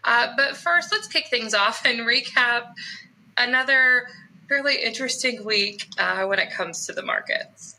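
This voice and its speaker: A woman hosting a weekly livestock market show, upbeat and quick as she introduces her guest and asks questions. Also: fairly high pitch, sharp tone, slight background noise, low-quality recording. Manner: upbeat and quick, laughs easily. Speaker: host. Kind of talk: hosted market podcast.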